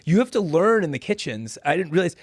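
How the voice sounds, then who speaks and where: A man's voice: a little high, sing-song, quick pace, husky, no room sound, studio quality. A man, born in Scotland and raised in Maine, telling rambling stories as a podcast guest, with frequent restarts and laughter. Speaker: podcast guest, hitchhiker and journalist. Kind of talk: casual conversational storytelling.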